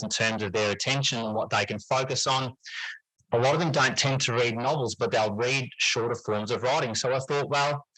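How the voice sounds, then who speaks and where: A reflective middle-aged man, a teacher and writer, answers conversationally as an interview guest. His bright, clear-edged voice sits at an ordinary male pitch. The recording is dry and low in quality, with very little room sound.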